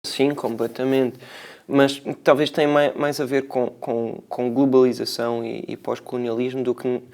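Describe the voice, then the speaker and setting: A man's voice: medium pitch, level tone, normal speed, a little mellow. A man with a European Portuguese accent answering interview questions as a filmmaker, reflective and hesitant, searching for words and adding tag questions.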